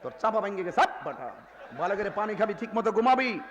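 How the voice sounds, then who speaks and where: Male preacher, high and forceful, calls the crowd to answer back; booming tent PA with long echo. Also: animated, fast, muffled recording. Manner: swings between shouting and quiet talk. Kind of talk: open-air religious sermon. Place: outdoor tent gathering.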